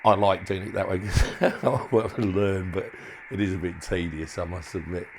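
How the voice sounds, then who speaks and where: A hobbyist shows off his modified radio gear in a casual, hands-on demo, thinking out loud with hesitation and frequently trailing off. His voice is low and creaky with a darkish, steady tone at a moderate pace, and there's slight background noise.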